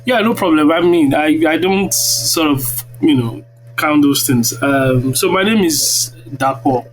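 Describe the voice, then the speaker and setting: A Nigerian-accented man in his thirties, a university lecturer appearing as a guest, answers interview questions in a lecturing style, phrasing things hesitantly and checking in with tag questions. His voice is fairly high, expressive and a little slow. The online audio-room connection is very noisy.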